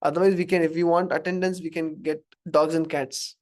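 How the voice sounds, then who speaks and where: Brisk and a little high in pitch with a level tone, an Indian man from Karnataka teaches an informal scripture class in a room with a live audience. This spiritual teacher stays conversational, putting questions to his listeners and laughing softly at his own examples.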